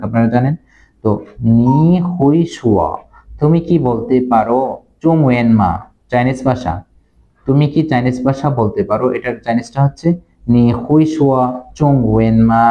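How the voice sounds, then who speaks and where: Slow, patient male language teacher. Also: mid-range voice, mellow, lo-fi sound. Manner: slow, repeats each phrase word by word. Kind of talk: Chinese lesson explained in Bengali.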